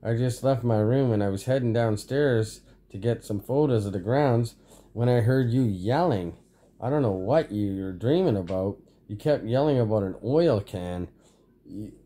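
A man's voice: medium pitch, expressive, measured pace, mellow. A man reading a story aloud, voicing a worried, blunt male servant who stammers. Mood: concerned. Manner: concerned, stammering.

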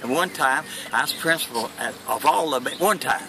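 An elderly man with a Kentucky accent, a war veteran telling his memories in an informal interview, folksy and halting with restarts. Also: mid-range voice, lively intonation, recorded from a distance. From Kentucky, United States. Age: elderly, late 80s or older. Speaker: war veteran being interviewed, retired school principal. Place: outdoors in a park-like memorial garden with people around. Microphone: handheld camera at arm's length. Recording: noisy outdoor handheld camera recording.

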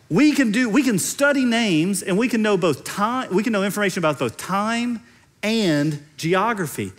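A man's voice: sits high, a bit bright. A middle-aged man with a Central Kentucky accent preaching in a conversational, explanatory way, repeating phrases for emphasis. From central Kentucky, United States. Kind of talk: teaching sermon on stage. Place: large indoor stage.

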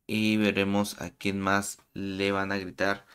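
A man's voice: low-pitched, takes it slowly, clean tone. A man giving casual commentary for his YouTube channel, talking loosely with frequent hesitations. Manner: relaxed, hesitant with frequent "eh" fillers. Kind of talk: casual reality-show commentary.

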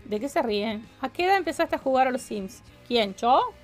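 A woman in her forties with a Córdoba Argentine Spanish accent streams a game while chatting playfully with her viewers, humming sing-song fillers. Her voice is high-pitched and animated at a normal speed, with soft music in the background.

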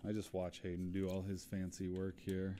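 A man acting as lead technical expert, explaining computer parts in a relaxed way with frequent fillers. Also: deep voice, normal speed, slight background noise.

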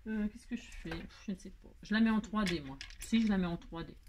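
A woman's voice: medium pitch, a little fast, noisy background. A French woman hosting a crafting tutorial, talking to herself as she works, with exasperated sighs and small laughs. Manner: muttering, self-talking, exasperated asides and little laughs. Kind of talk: chatty hands-on crafting tutorial.

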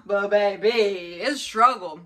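A woman's voice: mid-range voice, takes it slowly, a bit bright. A woman of twenty-five talking casually to the camera in a rambling, informal way, often repeating herself. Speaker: vlogger filming a mukbang. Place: small bedroom, indoors. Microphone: camera a short distance in front of her.

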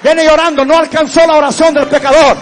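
A man preaching an altar call, pleading with listeners and then praising loudly. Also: very high voice, flat delivery, a little fast. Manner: pleading, then exultant and shouting. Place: large church hall. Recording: reverberant hall with music and congregation.

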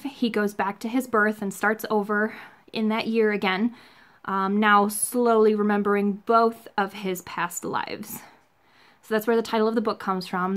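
A woman in her thirties reviews books for a home vlog. Her voice sits at a middling pitch, and she talks casually, thinking aloud with small self-deprecating asides. She is recorded indoors in a small room, speaking to a camera close in front of her. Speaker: book reviewer.

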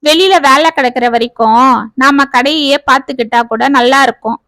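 A woman's voice: high-pitched, moderate pace, pushed and bright, no echo. A woman reading a family story, voicing a weary middle-aged shopkeeper father who complains about his sons. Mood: resigned. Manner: grumbling, resigned.

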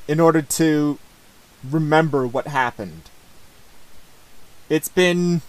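Slow rambling man reacting to videos. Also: a little high, rough recording. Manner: rambling, hesitant, full of restarts. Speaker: host reacting to his old videos. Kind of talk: casual reaction commentary.

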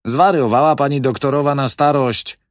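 Guy voicing a cocky loud-mouthed manager in an audiobook, pushy and wheedling, voice pitched up. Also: sing-song, takes it slowly, no room sound, clean studio sound, exaggerated voice. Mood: boastful. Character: brash, boastful middle-aged male building manager.

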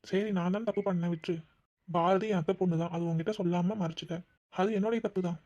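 A man's voice: high voice, fairly even intonation, quick pace, a little mellow, natural voice. A man voicing a defensive, pleading young boyfriend in a cartoon, in a dull, dry, lo-fi recording. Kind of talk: cartoon voice acting.

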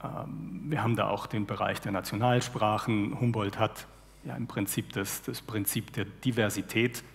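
Addressing an audience from a panel on stage, a man in his forties whose first language is German, a literary translator, lays out his ideas thoughtfully and professorially with a dry, ironic edge. He uses a headset mic, and his voice is fairly low, steady, gravelly and at normal speed. Long hall reverb fills the recording.

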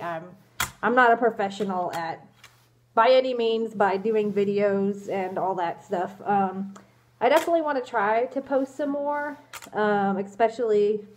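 A young adult woman in a fursuit answers her viewers' questions in a relaxed vlog, sounding congested from a cold and hesitant, apologetic, with lots of ums. She speaks at medium pitch and normal speed. The phone camera at arm's length in a small indoor room picks up slight background noise.

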